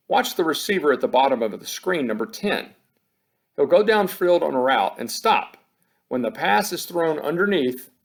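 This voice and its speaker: In the style of an officiating instructor, a man gives scripted teaching narration over game film, speaking in brief, measured, matter-of-fact phrases with a slightly high voice.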